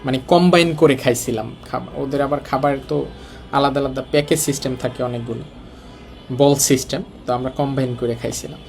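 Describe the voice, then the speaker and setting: A man's voice: mid-range voice, fairly even intonation, quick pace, darkish tone, soft background music. A man with a colloquial Dhaka Bengali accent teaching a Korean lesson, explaining step by step and asking the class rhetorical questions. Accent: Bangladeshi Bengali, colloquial Dhaka speech.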